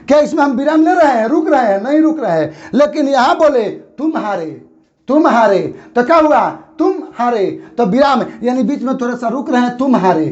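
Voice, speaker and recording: A man with a high voice teaches a grammar lesson. He says each example word several times and stretches it out slowly so the pause can be heard. The sound is a bit dull and lo-fi. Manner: repeats words slowly to show pauses.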